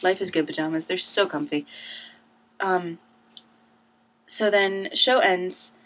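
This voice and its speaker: A woman's voice: lowish voice, slow, a bit bright. A young woman telling a story in a casual vlog, bubbly and gushing, saying "like" often. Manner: bubbly, gushing, says "like" a lot. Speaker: vlogger. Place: at home, indoors.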